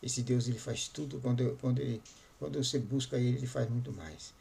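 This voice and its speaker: A pastor voicing a kind, faithful neighbor who speaks insistently, like a preacher. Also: male voice, mid-range voice, fairly even intonation, brisk, creaky, mellow, a little hiss or hum. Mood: preaching.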